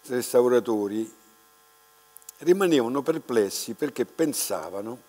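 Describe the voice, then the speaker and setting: An older man lectures from a lectern in a large dark hall, speaking very slowly and pausing often to restart his words. His voice sits at an ordinary pitch, and the hall gives it a long reverb with mains hum underneath. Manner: unhurried and reflective, with many pauses and restarts. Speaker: art restorer giving a lecture. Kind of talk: slow, unscripted lecture to an audience. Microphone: lectern microphone.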